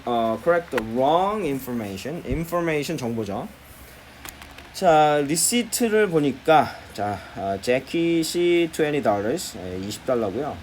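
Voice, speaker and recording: Man, English teacher, classroom explanation, animated pitch, faint background noise. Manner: lively, repeats "자" often, explains in Korean. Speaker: middle school English teacher. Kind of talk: classroom lesson explaining textbook listening.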